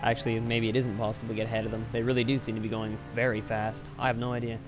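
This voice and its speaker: A young man chats loosely through a gameplay recording, rambling and offhand, poking fun at himself. His voice sits mid-pitch and stays flat, barely rising or falling. Faint game music runs quietly beneath his words. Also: racing. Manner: rambling, offhand, self-deprecating. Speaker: Let's Play commentator. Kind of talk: casual gameplay commentary.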